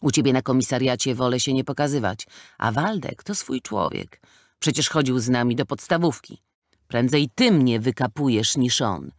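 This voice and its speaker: A fat, cunning gangster who sneers and hisses his threats, as a male narrator puts him on. He talks down to everyone in this storybook scene, loud and pushy. The sound is dry and close to the mic. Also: medium pitch, normal speed, dry recording, lightly acted. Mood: scornful. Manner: sly, scornful, hissing threats. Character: fat sly middle-aged male gangster.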